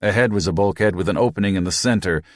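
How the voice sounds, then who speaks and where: A man reading an audiobook in a measured, even narration. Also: low voice, no room sound, studio quality. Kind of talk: scripted narration.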